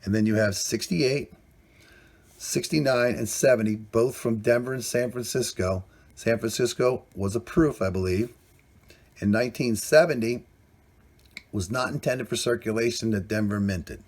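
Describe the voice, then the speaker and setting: Speaking at medium pitch and a moderate pace, with a somewhat mellow tone, the host of a coin roll hunting vlog chats casually and plainly. He gets cheerful over every find, and the audio comes from a camera mic indoors.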